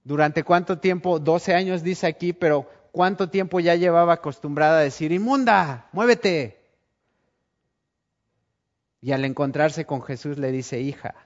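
A man preaching a sermon, telling Bible stories in an animated way and acting out the scenes. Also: on the high side, moderate pace, few pauses. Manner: animated storytelling, acts out scenes. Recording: dull lo-fi recording.

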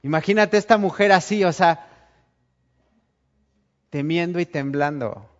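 A man preaching a sermon, telling Bible stories in an animated way and acting out the scenes. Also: on the high side, unhurried. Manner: animated storytelling, acts out scenes. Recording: dull lo-fi recording.

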